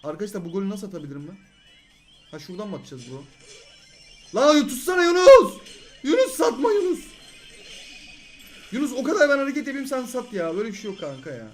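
Young male gaming host, high and quick, excitable, yells at teammates, faint game music behind. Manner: rapid, excitable, shouts at teammates, repeats words. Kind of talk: excited live gameplay commentary.

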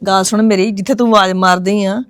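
A woman's voice: medium pitch, steady tone, fast talker, no room sound, faint music behind, close to an everyday voice. An actress playing a wary woman who keeps urging caution and advising that things be checked properly, in a domestic drama. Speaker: actress in a web series.

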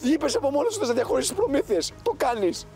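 A young man with a very high voice argues indignantly, loud and heated, defending himself against a group. He is a reality show contestant in a fierce outdoor confrontation, with faint music underneath. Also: very animated. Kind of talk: heated argument. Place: outdoors at a camp.

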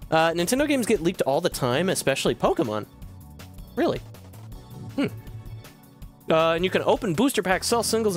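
A man streaming a video game live, swearing often and breaking into yelps and laughter as he talks to his viewers. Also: a little high. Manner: profane, excitable, bursts into yelps and laughs. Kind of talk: live gaming stream commentary.

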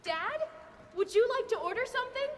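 A woman from a chorus playing an eager, lovestruck young barista in a stage comedy skit, gushing and bright. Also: extremely high pitch, expressive, fairly quick, background noise. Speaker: skit performer in a women's chorus. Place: large auditorium stage. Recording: echoing hall with loud chorus music.

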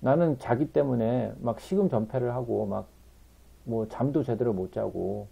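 A man's voice: medium pitch, moderate pace, gravelly, husky. A man giving a conversational Bible teaching, emphatic and constantly checking in with his listeners, on a dull lo-fi recording.

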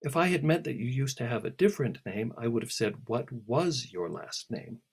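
A man reading aloud and voicing a prim little girl who is easily annoyed, with a slightly husky voice. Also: mid-range voice, animated, fast. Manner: indignant, polite but peeved.

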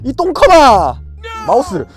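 A VR gaming YouTuber shouts at the in-game characters while delivering loud, playful, excited commentary. The voice is high-pitched and takes its time. Faint music plays in the background.

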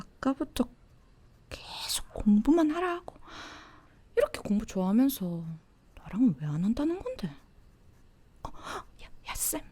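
A woman voicing a cocky, teasing teenage girl classmate in a Gyeongsang dialect, in a whispered role-play with a soft, close-mic delivery. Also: on the high side. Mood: sulky, pleading. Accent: Gyeongsang Korean dialect. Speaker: voice actor.

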